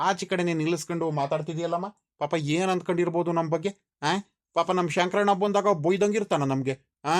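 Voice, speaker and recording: Man as courteous elder brother, cartoon, calming, high, brisk. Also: close to an everyday voice. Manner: polite, soothing.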